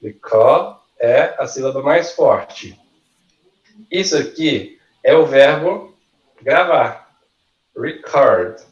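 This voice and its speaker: A man teaching an online workshop, saying words slowly and clearly for students to repeat. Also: fairly high pitch, lively intonation, reverberant, far from the mic, dull audio. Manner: slow, careful model pronunciations for students to repeat. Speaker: language teacher. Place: video call.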